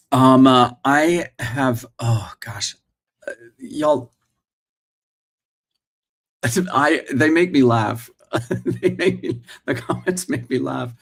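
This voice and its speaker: Speaking in a gravelly, medium-pitched voice, a middle-aged man runs a casual morning live stream. He's a working actor who talks with his audience and responds to their comments with easygoing laughter.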